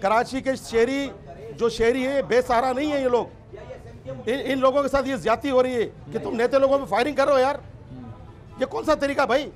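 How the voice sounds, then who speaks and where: A middle-aged man in a heated television debate, his voice pitched very high as he talks over others. He hammers the same rhetorical questions again and again, angry and relentless. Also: steady tone, normal speed, faint music behind. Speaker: political party guest.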